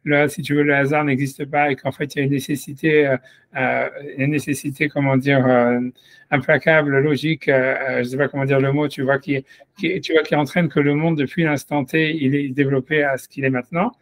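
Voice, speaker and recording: A man's voice: mid-range voice, little pitch movement, brisk, no echo. A man giving an informal Torah lesson, rambling with many fillers and restarts as he speaks to a listener directly. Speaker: rabbi teaching a class.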